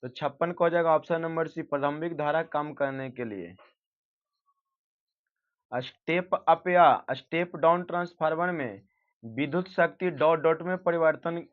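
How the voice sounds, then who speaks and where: A man with a fairly high voice reads out exam questions one after another and answers each himself, in a steady teaching manner. The sound is dull and lo-fi. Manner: reads questions then gives answers, self-correcting. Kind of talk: exam practice lesson. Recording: dull lo-fi recording.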